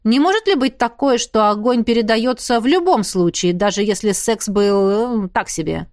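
A woman's voice: a little high, normal speed, a little mellow, natural voice. A woman reading an audiobook, voicing an unflappable young female student who asks matter-of-fact questions. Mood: inquisitive.

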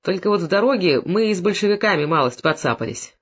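A man's voice: high-pitched, lively intonation, quick pace, fairly bright tone, husky, heavily acted. A man reading an audiobook, voicing a boastful, hot-tempered male Cossack soldier. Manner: boastful, then furious and threatening. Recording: dull lo-fi recording.

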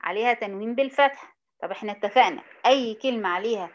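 A woman with an Egyptian Arabic accent and a slightly high voice gives an informal tajweed lesson on Quran recitation. She asks her students questions and draws out the example words slowly. The audio is dull.

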